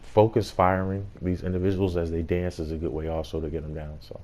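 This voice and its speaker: A man's voice: deep voice, little pitch movement, fairly quick, dark tone. A man giving a casual gameplay tutorial as host, explaining things in an informal way.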